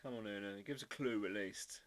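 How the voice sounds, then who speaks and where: A man's voice: fairly low pitch, fairly quick, fairly bright tone. A man hosting a live drawing stream, chatting casually and playfully while trying out foreign words. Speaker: livestream artist host.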